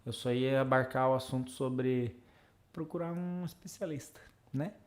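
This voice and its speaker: A man from Santa Catarina, Brazil, tutors exam students on a casual live stream, chatting through viewers' comments. He has a mid-range voice and speaks at a normal speed.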